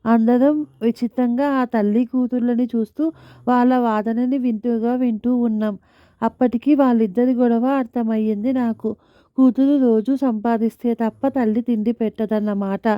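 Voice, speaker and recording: A woman narrating a story in the first person, in a steady, reflective storytelling manner. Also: on the high side, normal speed, dry recording, dull audio.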